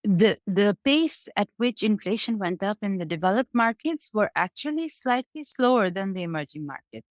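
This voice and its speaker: A woman from Bangladesh, appearing as a guest analyst, answers interview questions about markets and the economy in a conversational way, often checking in with "right?". Her mid-range voice is expressive and normal in speed, captured in clean studio sound with no room echo.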